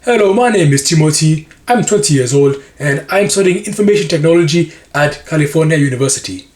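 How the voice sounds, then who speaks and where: A man's voice: fairly high pitch, lively intonation, a little fast, roomy sound, voice pushed up, close to an everyday voice. A man voicing a young male student with a Nigerian accent, giving a cheerful self-introduction. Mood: upbeat.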